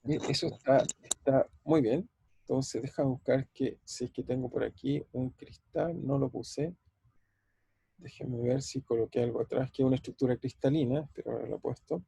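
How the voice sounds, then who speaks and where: A physics professor with a Chilean Spanish accent lectures a university class over a video call, thinking aloud, repeating words, and questioning his students. His mid-range voice is gravelly, mellow, and breathy, with fairly even intonation at a moderate pace in a dry recording.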